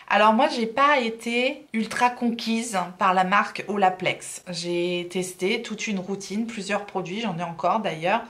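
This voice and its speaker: A woman's voice: mid-range voice, fairly bright tone. A woman chatting casually as a beauty vlogger, with frequent fillers and reflective asides. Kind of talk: casual product review chat.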